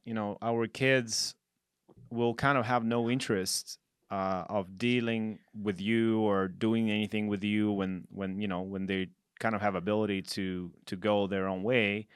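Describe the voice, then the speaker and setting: Man, forties, low dry voice, casual co-host, many fillers. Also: steady tone, clear, resonant tone, no echo. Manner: halting, many fillers and restarts. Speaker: podcast co-host. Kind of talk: casual conversation.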